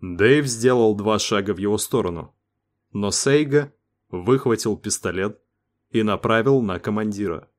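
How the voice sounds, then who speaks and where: A man narrating a science-fiction story in a measured, even way. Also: fairly low pitch. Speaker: audiobook narrator.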